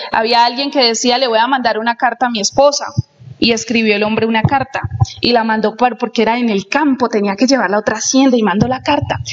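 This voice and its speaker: A woman giving a live lecture on family life, asking the audience questions and acting out little anecdotes. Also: high-pitched. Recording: dull lo-fi recording.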